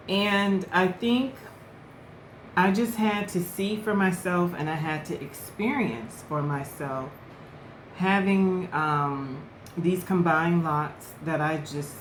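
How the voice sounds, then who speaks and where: A young adult woman vlogging in a relaxed, chatty way, talking to camera at home while eating. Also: fairly low pitch, echoey room, slight background noise. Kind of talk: casual chat to camera.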